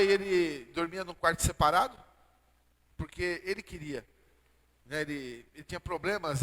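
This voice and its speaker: A man's voice: high-pitched, pushed and bright. A man with a Brazilian Portuguese accent preaching a sermon as pastor, often asking the church "Amém?". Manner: preaching with call-and-response "Amém?". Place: church hall. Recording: long church-hall reverb.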